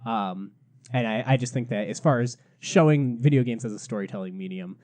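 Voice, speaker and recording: A young man hosting a casual gaming podcast, chatty and quick to laugh, steering the talk from topic to topic. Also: mid-range voice, dark tone. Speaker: podcast host. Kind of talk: casual chat.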